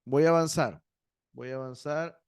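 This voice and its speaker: A man teaching a Greek grammar class, explaining patiently and checking in with his students, slowing down to spell out word endings. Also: on the high side, fairly even intonation, clear, resonant tone, no echo, studio quality. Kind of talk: university Greek grammar lecture.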